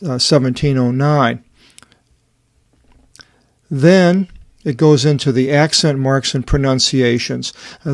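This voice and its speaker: Man, mid-pitched, hesitant and unpolished, explaining his own book layout; dry room. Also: no echo. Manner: halting, many fillers and restarts. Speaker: Bible translator presenting his edition. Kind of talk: unscripted screen walkthrough.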